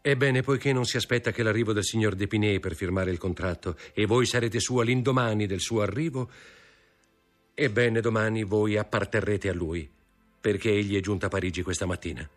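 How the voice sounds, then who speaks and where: A man voicing a proud young man in an audiobook reading, grave, measured and bitter. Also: lowish voice, faint music behind, pitched above the performer's own voice, lightly acted. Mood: urgent.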